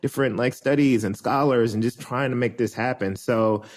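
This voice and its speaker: A man talking as a podcast guest, reflective and hesitant, pausing often with fillers as he thinks. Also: medium pitch, fairly even intonation. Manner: thoughtful, hesitant, many fillers. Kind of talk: reflective conversation.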